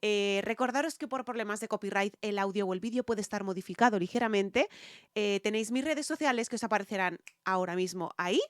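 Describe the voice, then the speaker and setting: Woman, Spain accent, mid-pitched voice, dry close sound, chatty vocal analysis, lots of "eh" fillers. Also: fast talker, dry recording. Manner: chatty, explanatory, frequent "eh" fillers. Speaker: singer reacting to music videos. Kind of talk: casual reaction and vocal analysis.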